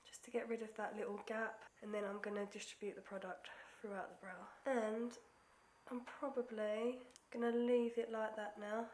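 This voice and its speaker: In an echoey room, a young beauty vlogger with a stuffy nose from a cold chats through a makeup tutorial, self-deprecating and sometimes near-whispering as she focuses. Her voice is fairly high in pitch with a darkish tone.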